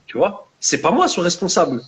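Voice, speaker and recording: A man's voice: high voice, big pitch swings, fairly quick, a bit bright. A young man with a French Maghrebi urban accent talks casually in a discussion, mixing street slang with Arabic religious terms. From France, of Maghrebi family. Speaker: guest, book author.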